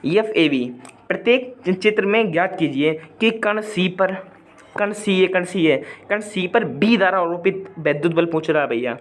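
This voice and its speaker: A man's voice: sits high, expressive, normal speed. A man tutoring physics in a video lesson, talking through worked problems in a chatty, repetitive way and addressing viewers directly. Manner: chatty, repeats points, asks viewers to comment, hums a song line at times.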